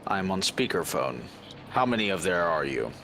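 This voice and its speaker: A man voicing a terse, commanding stranger with a gravelly voice on the phone. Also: sits low, big pitch swings, normal speed, a bit bright, a little hiss or hum, heavily acted. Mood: curt.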